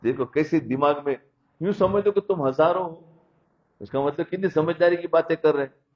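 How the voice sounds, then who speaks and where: An Islamic preacher with a voice on the high side gives a sermon full of stories, asking listeners "understood?" along the way. The recording is dull and lo-fi.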